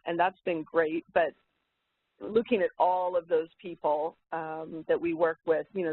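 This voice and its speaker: A woman's voice: sits low, no echo. A woman on a phone-quality line. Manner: thoughtful, frank, with many fillers and restarts. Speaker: commercial real estate broker, guest. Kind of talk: podcast interview.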